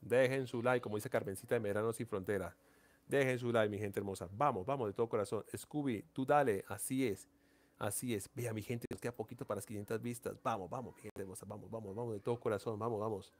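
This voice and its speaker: This livestream host talks quickly in a low-ish, steady voice while sitting indoors. Over a long, casual stream he addresses viewers affectionately, repeating himself and coaxing them along.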